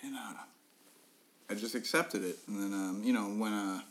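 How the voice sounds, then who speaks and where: A man's voice: fairly low pitch, moderate pace, a little hiss or hum. A young man on a podcast telling a funny story in a casual way, swearing often, laughing at his own story and often restarting his sentences. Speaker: podcast co-host.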